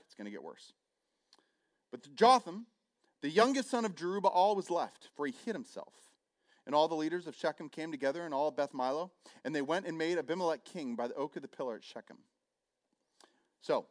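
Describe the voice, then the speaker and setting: A man preaching a sermon and retelling a scripture story, swinging between loud and hushed delivery. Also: fairly high pitch. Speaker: pastor.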